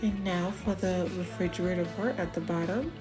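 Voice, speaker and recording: A woman's voice: fairly low pitch, normal speed, music in the background. A woman giving a casual, chatty voice-over as a home organization vlogger, talking directly to viewers with encouraging tips. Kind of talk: casual voice-over narration of cleaning.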